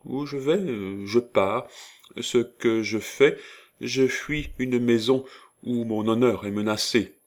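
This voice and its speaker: A man's voice: medium pitch, slow pace, voice pushed up, lightly acted. A man voicing a proud, dignified young woman in an audiobook, speaking with a firm, regal tone.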